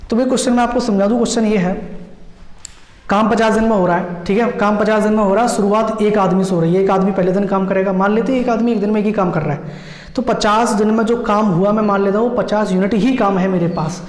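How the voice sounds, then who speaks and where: A fast-talking man with a high voice and fairly even intonation teaches an exam-prep maths lesson. He explains step by step, repeating key points and checking in with his students often, in an echoey room with long reverb.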